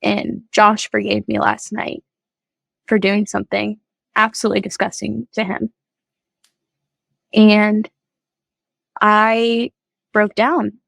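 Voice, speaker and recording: A woman guest on a podcast, telling her personal faith story in a halting, earnest way with many fillers and restarts. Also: mid-range voice, completely flat delivery, vocal fry, a bit bright, dry recording, poor audio.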